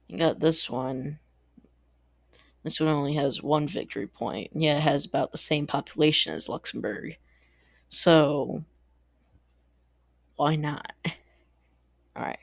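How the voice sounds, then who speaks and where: A man's voice: on the high side, vocal fry, dry recording, clean studio sound. A man giving casual, rambling commentary over a strategy game, chatty and full of asides, little laughs and mild exasperated swearing. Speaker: gaming channel host.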